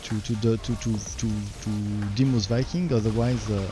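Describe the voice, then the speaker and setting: A man with a French accent, a native French speaker, giving halting live game commentary with a tired voice. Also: mid-range voice, steady tone, over music. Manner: halting, repeats words while searching for English. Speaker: game streamer.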